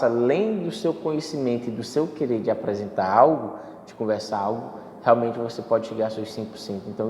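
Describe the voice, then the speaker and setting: An instructor with a darkish, mid-range voice lectures on public speaking, proceeding step by step and frequently pausing on fillers or correcting himself. The recording has an echoey hall, faint ambience and a little hiss or hum.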